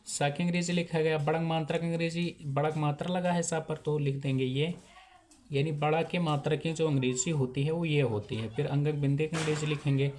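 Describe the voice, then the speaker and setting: A man's voice: fairly high pitch, a little mellow. A man teaching how to write names, explaining patiently and repeating each step. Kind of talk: explaining spelling at a whiteboard.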